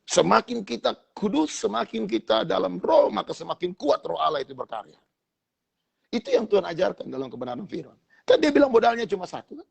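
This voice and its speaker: A man's voice: high voice, very animated, a little fast, vocal fry, slightly rough. A man with a Manado accent, a pastor telling his testimony in an interview and often addressing listeners as brothers.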